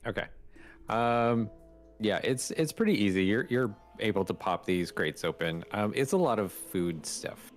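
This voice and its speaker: Young male game master, low unhurried voice, halting casual narration. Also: faint music behind. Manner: relaxed, halting narration with many ums. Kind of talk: narrating a tabletop game on stream.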